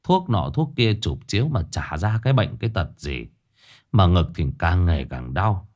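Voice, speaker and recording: A man playing a middle-aged male patient who complains in a plaintive, grumbling tone. The voice is deep but the pitch rises and falls with feeling. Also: sing-song, moderate pace, a little mellow.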